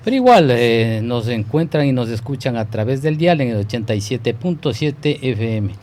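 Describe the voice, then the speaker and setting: A man's voice: mid-range voice, expressive, normal speed, a little mellow. Guy hosting live radio, chatty, lots of ums, some faint noise behind. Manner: chatty, hesitant with many fillers. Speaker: radio host. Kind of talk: casual live radio chat.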